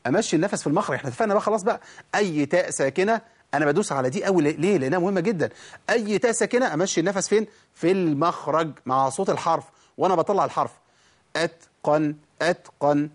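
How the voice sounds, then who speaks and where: A man teaches a tajweed lesson on the rules of Quran recitation, his Egyptian Arabic accent audible as he asks and answers his own questions and models the sounds. His voice has a fairly high pitch and a breathy edge.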